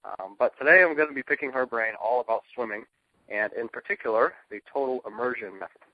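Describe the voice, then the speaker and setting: A man from New Hampshire hosting an interview, introducing his guest and asking questions in a friendly, steady way. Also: medium pitch, fast, phone-quality sound. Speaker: podcast host.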